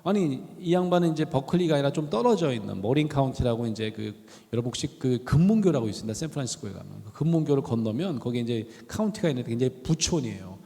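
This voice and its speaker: A man's voice: mid-range voice, quick pace, creaky, few pauses. A middle-aged man giving a storytelling lecture in a university chapel, acting out the voices he quotes. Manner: animated storyteller who acts out quoted voices. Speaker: guest lecturer, professor. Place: large university chapel hall. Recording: long reverb of a large hall.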